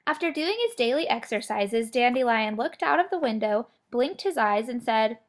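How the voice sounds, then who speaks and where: With a slightly high voice at normal speed, a woman tells a picture-book story to children, reading it with plenty of expression.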